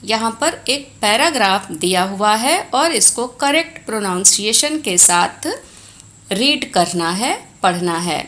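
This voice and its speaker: A woman's voice: mid-range voice, expressive, unhurried, fairly bright tone. A woman with an Indian accent teaching a textbook lesson, explaining in Hindi mixed with English and reading Sanskrit aloud.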